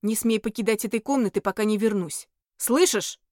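A woman's voice: medium pitch, fairly quick, a little mellow, no room sound, studio quality, lightly acted. A woman voicing a stern male demon who speaks curtly and demandingly. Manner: curt, demanding.

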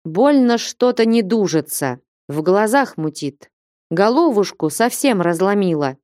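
A woman voicing a downcast young village man who answers reluctantly, low and with sighs. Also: very animated, unhurried, darkish tone, no echo, studio quality. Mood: glum.

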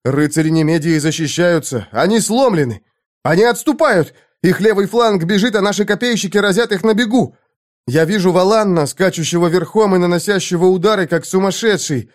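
A man voicing a frantic young squire in a dramatized audiobook, calling out the battle in high, excited shouts. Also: a little fast, lightly acted.

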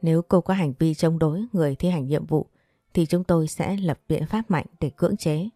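A woman's voice: low voice, normal speed, warm tone, no echo, studio quality. A woman reading the lines of a stern male police officer in an audio story, speaking coldly and formally.

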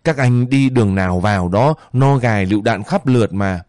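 A man voicing a sharp-tongued young village woman who scolds quickly and insistently. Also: lowish voice, close to an everyday voice. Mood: urgent.

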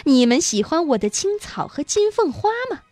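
A woman's voice: a little high, big pitch swings, a little slow, a bit bright, no echo, soft background music, exaggerated voice. A woman voicing a flamboyant eccentric male candy maker, showy, exclaiming and coaxing, in a children's storybook reading.

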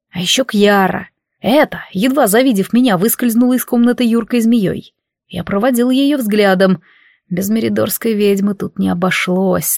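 A woman reading a first-person story aloud as an audiobook narrator, in measured storytelling. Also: medium pitch, darkish tone, no echo, clean studio sound. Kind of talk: scripted narration.

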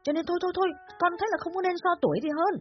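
Brief: woman as a tactful young daughter, quick, high, lively voice, dull lo-fi audiobook sound. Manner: polite, hesitant questioning. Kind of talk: dramatized audiobook reading. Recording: dull lo-fi with faint music.

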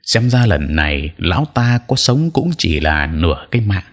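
Audio story role: a man playing a composed exorcist master, deep and steady, coolly mocking. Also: moderate pace. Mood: cool, stern. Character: calm, stern middle-aged male master exorcist.

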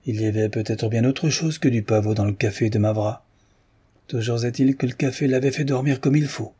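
A man reading the part of a gruff, dying old peasant confessing a crime he witnessed, in an audiobook. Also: mid-range voice, brisk, dark tone, close to an everyday voice.

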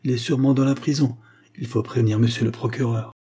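A man's voice: mid-range voice, level tone, fast talker, warm tone, breathy edge, lightly acted. A man reading as a dutiful prison sentry. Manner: dutiful, reporting.

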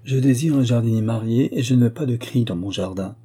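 A man reading the lines of a calm, kindly and authoritative old prince in an audiobook, speaking evenly and quietly commanding. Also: medium pitch, fairly quick, husky, lightly acted. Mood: calm authority. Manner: even, quietly commanding delivery.

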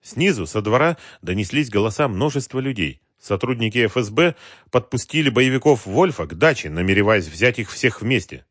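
A man narrating a thriller audiobook in an expressive, dramatic way. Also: mid-range voice, no room sound, clean studio sound.

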